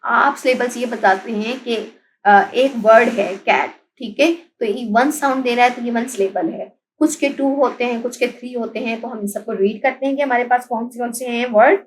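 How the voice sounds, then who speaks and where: High-voiced woman teacher. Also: moderate pace, a little hiss or hum, rough recording. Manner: patient, spells words out letter by letter and repeats them; mixes English terms into explanations. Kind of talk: classroom lesson recorded as video.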